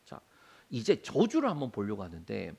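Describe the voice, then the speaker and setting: A man's voice: fairly low pitch, moderate pace, creaky, slightly rough. A middle-aged male pastor preaching a sermon, asking questions and answering them himself. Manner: animated, asks and answers his own questions.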